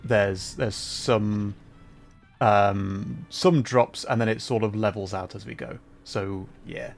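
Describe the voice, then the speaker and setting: A man with a fairly low, creaky voice livestreams a game, speaking slowly and chatting informally with viewers while explaining as he plays. Soft music plays in the background.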